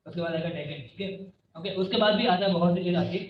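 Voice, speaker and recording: Guy teaching chem in a class, high voice, keeps asking "right?", roomy muffled recording. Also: fast, a little hiss or hum. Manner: drills students with repeated questions, mixing Hindi and English. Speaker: chemistry teacher. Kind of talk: classroom lecture. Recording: echoey room, dull lo-fi sound.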